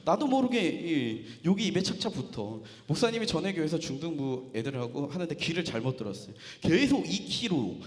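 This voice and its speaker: A man's voice: a little high, sing-song, a little fast, hardly any pauses, in a large hall. A male youth pastor preaching to teenagers in a casual, storytelling way, addressing them directly. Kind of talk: youth sermon. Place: church hall.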